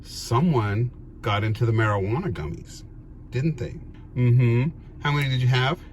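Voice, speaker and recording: A man's voice: mid-range voice, animated, moderate pace, a little mellow, a little hiss or hum. A man chatting casually and telling family stories in a teasing, playful, questioning way. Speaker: vlog host talking with older relatives. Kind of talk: casual chat, teasing storytelling.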